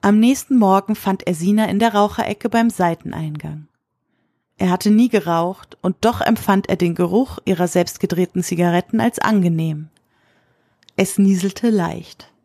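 A woman reading a story aloud in a measured storytelling manner. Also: medium pitch, mellow, no echo, clean studio sound. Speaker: narrator. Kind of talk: scripted narration.

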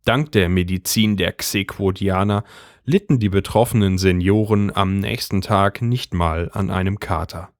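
A man narrating a short story from a script, with expressive storytelling delivery on a close mic. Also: deep voice, measured pace, dry recording.

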